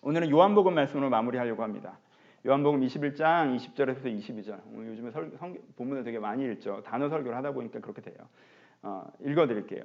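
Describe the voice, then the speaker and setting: A male pastor giving a chatty, animated sermon, speaking directly to his congregation. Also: mid-range voice, rapid-fire, gravelly. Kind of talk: conversational sermon. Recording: dull lo-fi online stream.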